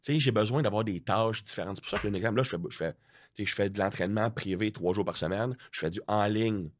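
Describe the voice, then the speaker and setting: This man, a strength coach guesting on a podcast, speaks fast in a fairly low voice with a Quebec French accent. He spins lively anecdotes, peppering them with slang and self-mockery, over slight background noise.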